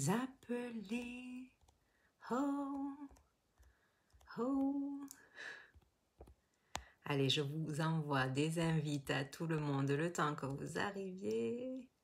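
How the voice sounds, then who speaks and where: A woman's voice: fairly low pitch, very animated, drawn-out words, long pauses. A woman from Toulouse with a southern French accent, a business coach chatting through a live online masterclass, greeting viewers by name and reading their comments aloud. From Toulouse, southern France.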